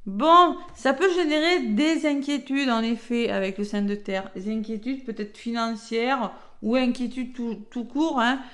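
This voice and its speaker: Chatty French tarot reader, echoey room. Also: female voice, a little high, measured pace, few pauses, fairly bright tone. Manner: chatty, filler-heavy, frequent "hein". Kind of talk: weekly tarot reading.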